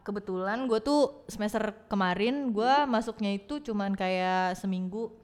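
A young woman chatting casually with friends, animated and laughing often. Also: mid-range voice, moderate pace. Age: young adult. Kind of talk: casual chat among friends.

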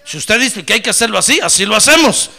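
A male preacher delivering a sermon with a high, bright voice that leaps all over the place. His tone is gravelly, and he drives the message home with rhetorical questions, touches of humor and loud exclamations of praise. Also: expressive, fast.

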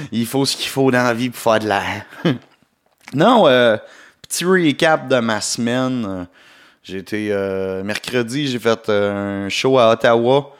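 A young man with a Québécois French accent, hosting his own solo podcast in a rambling, joking way with plenty of filler and English words mixed in. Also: medium pitch. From Quebec. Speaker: podcast host and comedian. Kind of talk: casual solo podcast monologue.

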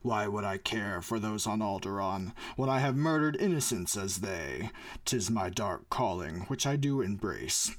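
A man reading a cold, menacing dark lord in an amateur Shakespearean table read, declaiming in measured verse. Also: on the low side, animated.

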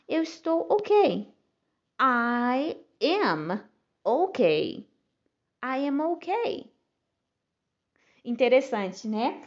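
A woman teaching a beginner English lesson, saying example phrases slowly and clearly in a friendly, encouraging way. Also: on the high side, darkish tone, muffled recording. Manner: slow, drawn-out model pronunciations.

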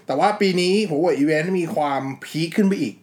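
A man's voice: on the high side, moderate pace, darkish tone. A man hosting a casual tech podcast, chatty and joking, swearing freely among friends. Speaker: podcast host.

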